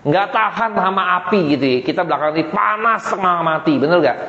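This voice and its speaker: A man's voice: sits high, a little fast, sharp tone. A man in his forties giving an emphatic sermon, putting rhetorical questions to the congregation. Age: 40s. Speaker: preacher. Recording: echoey hall, dull muffled sound.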